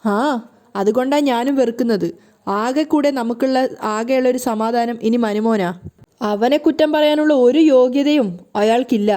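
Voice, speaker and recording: A woman's voice: fairly high pitch, moderate pace, mellow, natural voice. A woman voicing a sad, bitter middle-aged mother.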